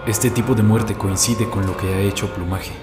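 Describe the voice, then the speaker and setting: A man's voice: on the low side, steady tone, normal speed, lightly acted. A man playing a respectful police assistant who addresses his superior as sir. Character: deferential young male police assistant. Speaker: detective's assistant. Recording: loud music under the voice.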